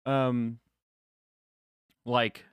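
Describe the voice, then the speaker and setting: A man's voice: mid-range voice, little pitch movement, smooth, no echo, studio quality. A man co-hosting a casual podcast, asking questions and laughing easily. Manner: interviewing, quick to laugh. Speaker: co-host. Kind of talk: casual chat. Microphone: voice chat headset.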